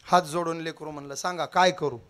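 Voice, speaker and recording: A man's voice: on the high side, steady tone, a little fast, fairly bright tone. A man telling a devotional story, dramatic and acting out the characters' cries. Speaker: kirtan preacher.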